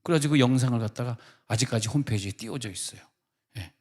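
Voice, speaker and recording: A man's voice: mid-range voice, fast, darkish tone. A middle-aged man, the senior pastor, preaching a sermon in a church with casual, humorous storytelling.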